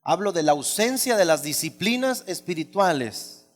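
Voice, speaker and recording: A man's voice: animated, moderate pace. A male pastor preaching a sermon, emphatic and conversational, often asking the congregation questions. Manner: emphatic, shifts from loud high exclamations to low asides. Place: church hall. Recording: hall reverb.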